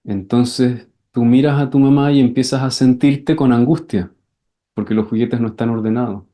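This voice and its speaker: A man's voice: medium pitch, steady tone, moderate pace. Man teaching an enneagram class. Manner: acts out scenes with sudden shouted voices, repeats words. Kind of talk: class lecture with questions and answers.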